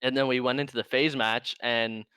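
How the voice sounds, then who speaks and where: A laid-back man telling a story as a podcast guest, leaning on "like" at every turn. His voice is smooth and clear, recorded close and dry with no room sound. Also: medium pitch, fairly even intonation, moderate pace, pushed and bright, no room sound. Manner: laid-back, says "like" constantly. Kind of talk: casual chat.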